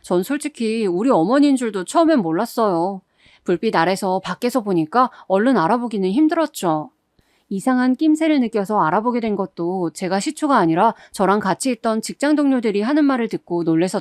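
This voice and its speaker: A woman's voice: medium pitch, lively intonation, brisk, a little mellow, no echo, clean studio sound. A woman narrating a first-person story in a confiding, conversational way.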